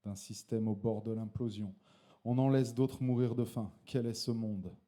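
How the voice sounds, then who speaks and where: A man's voice: lowish voice, fairly even intonation, normal speed, dark tone. A man performing his slam poem live on stage, with playful, laughing asides between verses. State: tipsy from beer. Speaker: slam poet and co-host. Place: live slam venue with audience.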